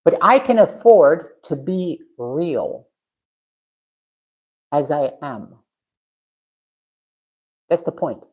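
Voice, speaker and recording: Her voice is low, sing-song, a little mellow and slightly rough, moving very slowly with long pauses over dull audio. She's a Russian woman hosting a casual live stream from her home garage, reading comments frankly and bluntly and often restarting.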